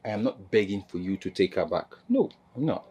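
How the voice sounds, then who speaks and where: A frank friend lecturing on forgiveness. His voice is low and mellow, earnest and direct. Soft movie music hums beneath. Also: animated, fairly quick, husky, dull audio. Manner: earnest, advising. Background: film score music.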